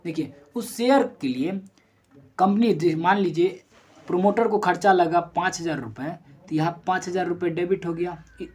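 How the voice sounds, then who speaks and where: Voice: mid-range voice, moderate pace, a little mellow, husky. A commerce teacher giving a recorded lesson who explains step by step with worked number examples. The teacher talks straight to the students, asking and then answering their own questions and correcting themselves mid-sentence.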